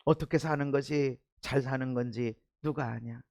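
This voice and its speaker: A man preaching a sermon as pastor, swinging from loud exhortation to hushed low asides and giving blunt, informal commands to the congregation. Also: steady tone, moderate pace, gravelly. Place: church sanctuary.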